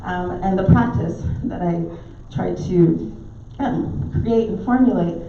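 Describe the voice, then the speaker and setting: A woman's voice: lowish voice, slow pace, vocal fry, a little hiss or hum. A middle-aged woman from Barbados with a Barbadian accent, telling stories with filler ums as a guest speaker at a club meeting in a pub. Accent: Barbadian, softened by years in the US. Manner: warm storytelling with filler ums. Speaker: guest speaker, naturopathic doctor. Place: pub dining room. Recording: echoey, dull, distant room recording.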